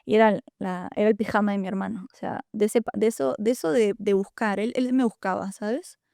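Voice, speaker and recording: Young woman, halting, confiding, dry close sound. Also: medium pitch, steady tone, vocal fry, mellow, no room sound. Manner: halting and confiding, many restarts and "¿sabes?". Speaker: podcast host. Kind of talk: personal storytelling in a podcast conversation.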